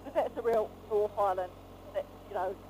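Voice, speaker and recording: A woman's voice: mid-range voice, moderate pace, a little mellow. A woman with a broad New Zealand accent chatting casually and playfully in slang, often repeating her phrases. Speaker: motorbike travel vlogger, passenger. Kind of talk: casual chat. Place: outdoors on a moving motorbike. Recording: noisy vehicle ride, motorbike helmet audio. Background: engine and road noise.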